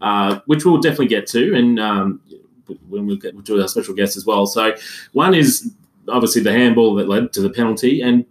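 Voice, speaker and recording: A man's voice: on the low side, fairly quick. A man hosting a casual chat podcast, jokey and sarcastic, rambling with restarts. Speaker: podcast host. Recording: echoey room.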